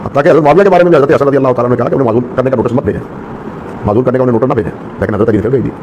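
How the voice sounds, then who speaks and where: A man with a Pakistani Urdu accent giving a calm, explanatory religious talk. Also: mid-range voice, highs cut off, a little hiss or hum. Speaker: religious speaker in a played clip.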